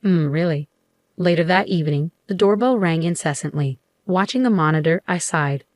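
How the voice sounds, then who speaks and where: Low-voiced woman narrating a story. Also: brisk, no echo, studio quality. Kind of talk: scripted first-person story narration.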